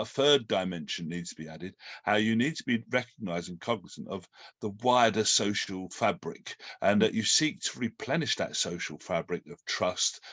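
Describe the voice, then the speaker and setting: A man with a Cockney accent hosting an interview, asking long questions with many pauses and fillers. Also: sits low, a bit bright, no room sound. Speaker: host. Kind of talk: podcast interview.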